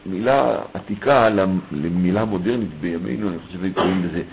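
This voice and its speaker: Lower-voiced man teaching over thin audio. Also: creaky, heavy background noise. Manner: reads a passage aloud, then explains it phrase by phrase. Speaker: Torah teacher. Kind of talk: text study lesson. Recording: thin phone-like audio with faint ambience.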